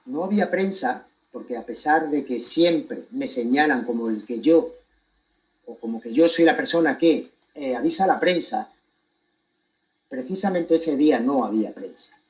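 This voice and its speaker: A man with an accent from Spain gives a deliberate, emphatic monologue to an audience, breaking his phrases with pointed pauses. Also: mid-range voice, animated, poor audio. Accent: Spanish from Spain. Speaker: commentator giving his account of a court case.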